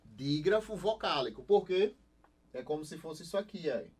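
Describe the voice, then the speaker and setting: A young Brazilian man with a lively, slightly high voice gives a recorded online class, asking the students questions and answering them himself. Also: moderate pace, breathy edge. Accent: Brazilian Portuguese. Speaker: Portuguese teacher.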